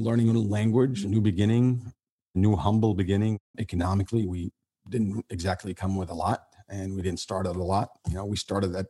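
A podcast host from Syria is being interviewed in a conversational podcast. His voice is deep, husky and a little mellow, and he comes across as earnest and reflective, rambling with many restarts.

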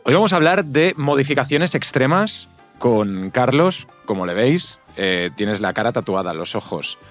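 A man's voice: mid-range voice, sing-song, moderate pace, fairly bright tone, faint music behind. A man hosting a podcast, asking direct, blunt questions in a casual interview. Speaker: podcast host.

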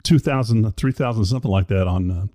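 A man's voice: on the low side, fast talker, mellow, dry recording, clean studio sound. A man hosting a podcast in casual chat, talking in a rambling, chatty, self-deprecating way. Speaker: podcast host. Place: indoor room.

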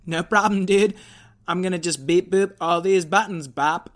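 A man's voice: high-pitched, normal speed, background noise, pitched above the performer's own voice, natural voice. Randall Radbot, a man doing a slangy young robot. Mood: easygoing. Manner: slangy, hesitant, lots of "like" and "uh". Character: young male robot, laid-back and sulky.

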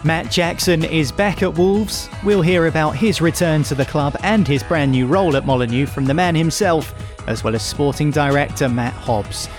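A man's voice: a little high, moderate pace, soft background music. A man hosting a scripted club podcast, speaking in a polished way close to a podcast microphone. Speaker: podcast host.

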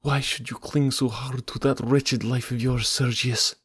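A man doing a proud foreign woman, high and husky. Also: level tone, unhurried, fairly bright tone, dry recording, studio quality. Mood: disdainful. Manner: dignified, solemn confession.

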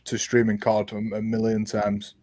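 A man's voice: fairly low pitch, completely flat delivery, normal speed, a little mellow, no room sound. A young British man, a guest streamer, chatting casually and laughing often.

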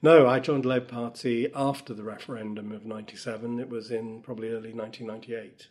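A man's voice: medium pitch, fairly even intonation, fast, darkish tone. A middle-aged man from Wales, a former politician answering interview questions thoughtfully, with frequent fillers. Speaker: guest, professor and former politician.

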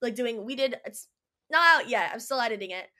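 Bubbly bright-voiced young woman chatting. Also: on the high side, animated, brisk. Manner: bubbly, many fillers like "like". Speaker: podcast guest. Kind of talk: casual chat.

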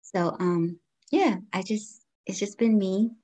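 Speaking slowly and mellowly at a medium pitch, this woman is a podcast guest in her forties. Originally from Guyana but raised in the U.S., she gives thoughtful, candid answers to the interviewer.

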